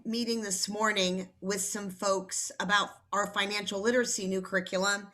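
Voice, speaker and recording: On a video call, a woman runs a training session as a casual presentation, upbeat and rambling and a bit flustered. Her voice is medium in pitch with a sharp edge.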